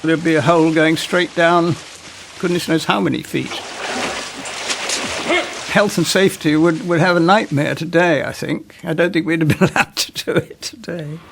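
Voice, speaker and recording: Gravelly man rambling about old mines. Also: a little high, steady tone, normal speed, a little hiss or hum. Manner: rambling, broken-off sentences. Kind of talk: interview recollection.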